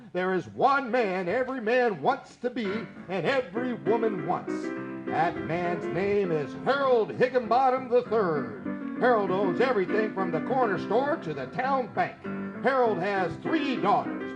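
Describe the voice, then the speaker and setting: A man's voice: high-pitched, muffled recording. A man doing a showy old-time radio announcer. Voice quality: theatrical, sing-song delivery. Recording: music under the voice.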